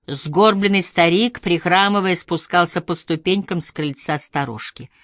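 A woman narrating an audiobook in a measured storytelling manner. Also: on the low side, a bit bright, no room sound, clean studio sound. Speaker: audiobook reader. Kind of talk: scripted narration.

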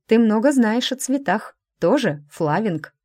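A woman's voice: a little high, expressive, measured pace, pitched above the performer's own voice. A woman voicing a friendly but bossy hospital doctor in an audiobook, teasing one moment and commanding the next. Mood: friendly, curious. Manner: warm and teasing, turns stern and commanding.

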